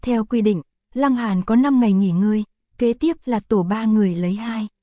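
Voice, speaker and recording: A woman reading a fantasy novel aloud as an audiobook narrator, in a steady, even storytelling style. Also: medium pitch, normal speed, dry recording, clean studio sound. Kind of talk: scripted narration.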